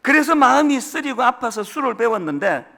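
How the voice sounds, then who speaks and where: A man's voice: very high-pitched, big pitch swings, fairly quick, gravelly, bright, forceful tone, pitched above the performer's own voice, heavily acted. A man voicing a corrupt, worldly old male tycoon with a Gyeongsang dialect, lecturing in a world-weary drawl.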